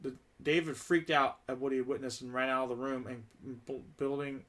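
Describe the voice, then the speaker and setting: A man's voice: medium pitch, fairly even intonation, moderate pace, fairly bright tone. A man reading a script aloud in a casual read-through, often stumbling over words and restarting lines. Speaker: script reader.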